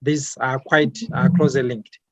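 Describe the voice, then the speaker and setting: A man's voice: medium pitch, little pitch movement, normal speed, no room sound, dull audio. A young man from Malawi, an environmental activist, answering interview questions hesitantly, with many fillers and repeated words.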